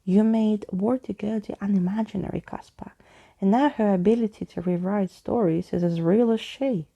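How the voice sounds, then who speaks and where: A pompous old skeleton from a children's storybook, played by a woman. He speaks in grand, wordy flourishes with a theatrical air. The voice is mellow and gravelly at the edges. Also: medium pitch, normal speed, dull audio. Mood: grand, explaining. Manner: grandiose, alliterative, theatrical speech.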